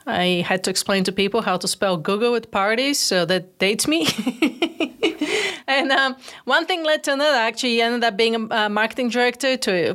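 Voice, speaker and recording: A woman's voice: medium pitch, a bit bright. Bulgarian-born woman telling her story. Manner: fluent storytelling with frequent ums. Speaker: guest, founder of a wellness movement. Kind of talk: podcast interview.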